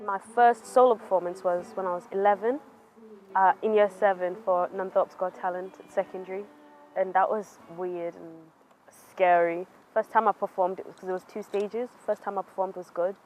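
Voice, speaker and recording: A woman's voice: mid-range voice, steady tone, normal speed, a little mellow, low-quality recording. Teen girl from north east england telling her story, music under it. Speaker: interviewee. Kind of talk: documentary interview. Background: background music.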